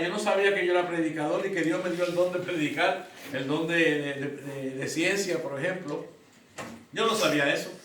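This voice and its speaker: A middle-aged pastor with a slightly high, somewhat bright voice leads a Bible study in a church classroom, mixing the lesson with personal testimony. He speaks conversationally, poses rhetorical questions and restarts often. The recording is roomy, with a distant mic and faint noise.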